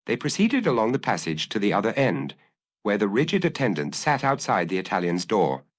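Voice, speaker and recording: Male narrator, low voice, lively intonation, dramatic audiobook reading. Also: a little fast.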